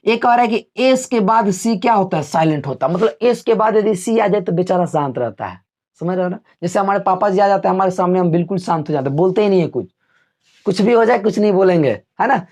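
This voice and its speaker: A man teaching a video lesson in a chatty, relaxed way. He often asks his students a question and then answers it himself. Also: sits high. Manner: homely everyday comparisons, relaxed teacherly tone. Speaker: English teacher. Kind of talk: classroom-style video lesson.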